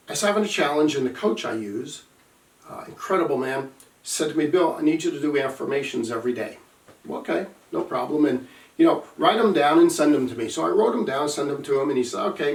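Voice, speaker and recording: A middle-aged recovery coach with a somewhat high, slightly mellow voice talks casually to camera, earnest and emphatic as he shares stories from his own life. The room is echoey and the mic sits at a distance.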